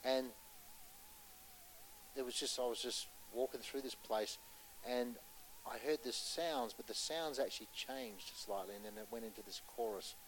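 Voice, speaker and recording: A man preaching a sermon with passion, pressing his points loudly and then dropping to a hushed voice to tell a story, and putting questions to his listeners. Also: mid-range voice, moderate pace, slight background noise, poor audio. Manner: impassioned, swinging between loud urgency and hushed storytelling; asks the audience rhetorical questions.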